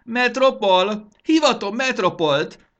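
A man's voice: mid-range voice, very animated, sharp tone, highs cut off, pitched above the performer's own voice. A man reading a storybook aloud and voicing a hysterical, petulant male ruler who shrieks, sobs and whines. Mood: shrill distress. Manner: shrieking, sobbing, manic laughter.

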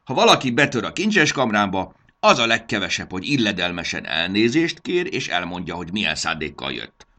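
A man voicing a cranky old male elf who guards a treasure room, with a creaky, unpleasant voice, loud, impatient and boastful. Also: mid-range voice, huge pitch swings, pitched above the performer's own voice, full character voice.

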